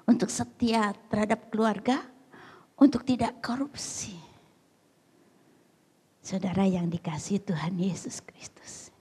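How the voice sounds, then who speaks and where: A woman pastor preaching a sermon, telling stories dramatically with lively swings and whispered asides. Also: mid-range voice, husky.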